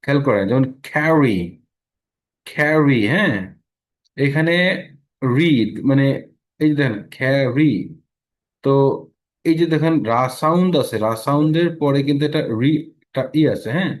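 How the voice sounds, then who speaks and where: A man with a Bangladeshi accent teaching English pronunciation in an online lesson, slowly explaining rules and repeating example words. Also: on the high side.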